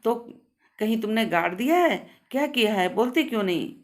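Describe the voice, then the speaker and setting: Lady reading as a calm dad trying to talk sense, storybook reading, her usual voice. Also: fairly high pitch, moderate pace, lightly acted. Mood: stern. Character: patient middle-aged father narrating, calm man.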